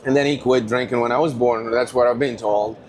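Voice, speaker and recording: A man from Tunisia, telling stories as an animated guest in a casual interview. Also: medium pitch, brisk, a little hiss or hum. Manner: animated, rambling storyteller. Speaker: whiskey company owner, guest.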